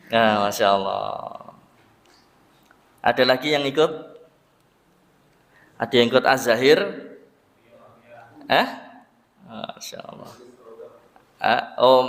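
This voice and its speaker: A man with a Javanese accent preaching in a mosque, telling a story animatedly and acting out its voices. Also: medium pitch. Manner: animated, acts out voices in the story, addresses listeners as "Pak". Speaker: Islamic preacher. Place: mosque hall. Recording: reverberant mosque hall.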